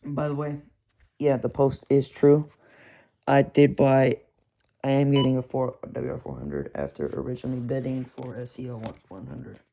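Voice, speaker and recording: A young man with a Texan accent rambles casually about radio hobby gear, swearing and full of fillers and restarts. His mid-range voice is warm and creaky at a moderate pace, on a lo-fi recording with background hiss.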